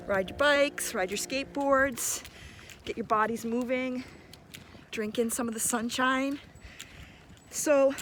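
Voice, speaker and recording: In a low-quality recording with park ambience noise in the background, a middle-aged woman with a slightly high, somewhat bright voice records a casual video message. She speaks as an encouraging teacher addressing her students outdoors.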